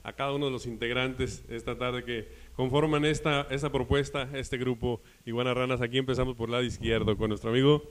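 A man's voice: medium pitch, fairly even intonation, a little fast. An older man hosting a live TV program, chatting and introducing guests with many fillers. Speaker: TV host. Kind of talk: live TV presenting.

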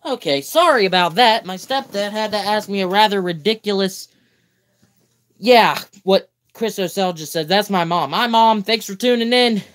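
A man's voice: high voice, moderate pace, a bit bright. A sleepy young man hosting a casual live stream, reading a book aloud and breaking off with goofy, chatty asides. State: sleepy, yawning.

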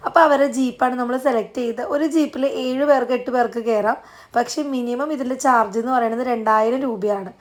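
A woman narrates a casual travel vlog. She talks quickly and chattily, addressing her viewers directly as she goes. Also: a little high. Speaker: travel vlogger.

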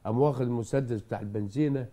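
An actor with an Egyptian accent playing an evasive cook who spins tall tales to dodge blame in a comedy sketch. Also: male voice, medium pitch, very fast, warm tone, close to an everyday voice. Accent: Egyptian Arabic. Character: sly male cook dodging blame.

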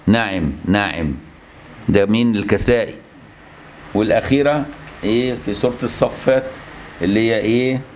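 An Egyptian-accented Islamic scholar teaches hadith in a religious lesson, talking at a brisk clip. He keeps stopping to ask his listeners rhetorical questions. His voice sits at an ordinary middle pitch for a man, with a faint hum of room noise behind him. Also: darkish tone. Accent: Egyptian Arabic. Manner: explains with rhetorical questions and filler "what".

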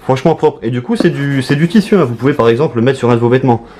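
Young French-accented male YouTuber, casual and excitable, mid-pitched, with faint noise behind. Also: racing. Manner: chatty, excited, talks to viewers. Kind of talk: casual unboxing commentary.

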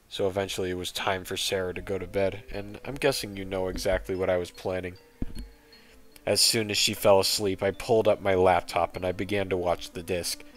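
A man narrating a horror story in a flat reading voice, dropping in sarcastic asides. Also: low-pitched. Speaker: creepypasta narrator. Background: faint background music.

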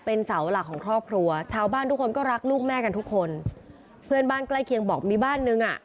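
A woman's voice: fairly high pitch, fast talker. Chatty woman news reporter. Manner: chatty, animated storytelling.

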